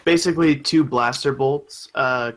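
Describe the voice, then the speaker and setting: A young man runs a tabletop game in a loose, halting way, full of fillers. His voice sits at a middle pitch. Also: fairly bright tone, poor audio. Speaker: game master.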